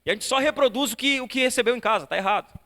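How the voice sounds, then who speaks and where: A man, a pastor, preaches a sermon and tells a family story, moving between soft and loud passages and filling his speech with repeated tags. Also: very high voice, racing. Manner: fills with repeated tags like "né" and "tal, tal". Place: church auditorium. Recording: church hall reverb.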